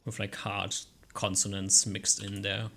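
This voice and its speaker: A man runs a tabletop game in a lowish voice with plenty of creak. He narrates casually and haltingly, thinking aloud, with faint noise behind him. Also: monotone, bright, forceful tone. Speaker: game master.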